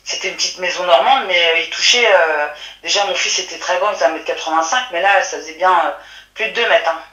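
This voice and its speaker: A woman recounts what she witnessed in a halting way, stopping and restarting often. Her voice is bright and a little tense. The sound is roomy and echoey. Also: lowish voice. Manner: halting, many restarts and fillers. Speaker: witness telling her story. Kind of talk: hesitant testimony by phone or call.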